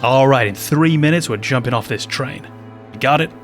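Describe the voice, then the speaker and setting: A man's voice: medium pitch, moderate pace, soft background music, natural voice. Man reading a bossy rebel leader. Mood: commanding. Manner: brusque, commanding.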